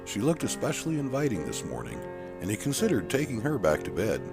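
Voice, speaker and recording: A man reading a spooky short story aloud, in an expressive storytelling way. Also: on the low side, fairly quick. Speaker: narrator. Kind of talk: storytelling narration. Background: faint background music.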